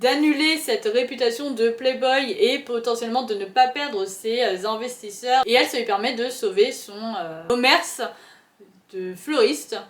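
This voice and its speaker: Young woman, slightly high voice, casual book chat, echoey room. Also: normal speed. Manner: chatty, animated, many fillers. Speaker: book vlogger.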